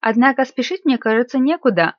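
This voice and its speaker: A woman's voice: on the high side, animated, brisk, dry recording, lightly acted. A woman reading as a tender grieving father. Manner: tender, earnest, choked with feeling. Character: grieving, gentle middle-aged father clerk. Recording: slightly muffled dry recording.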